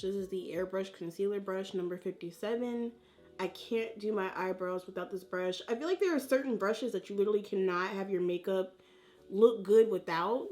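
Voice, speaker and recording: A woman's voice: mid-range voice, darkish tone. A woman chatting informally and slangily to her viewers as she applies her makeup, in the style of a beauty vlog tutorial. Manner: informal and slangy, talking to viewers like friends while applying makeup. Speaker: beauty vlogger.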